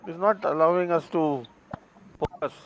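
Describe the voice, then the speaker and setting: A man with an Indian accent, teaching anatomy on a video call, slowly pointing out structures while his audio glitches and breaks up. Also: on the high side, highs cut off, slight background noise. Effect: glitching, breaking audio over a video call. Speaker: anatomy demonstrator. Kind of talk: live online dissection teaching.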